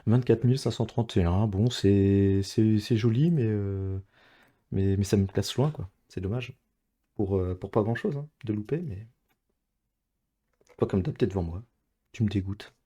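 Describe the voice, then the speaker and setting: A man's voice: lowish voice, normal speed, long pauses, dark tone. A man with a French accent talking casually with his teammate while playing a geography game, hesitant and full of fillers. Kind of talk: casual gaming chat.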